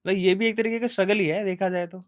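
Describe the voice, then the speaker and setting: A man's voice: high-pitched, fairly even intonation, fast. A man hosting a podcast interview, asking short prompting questions. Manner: short prompting questions, frequent assenting hums. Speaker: podcast host.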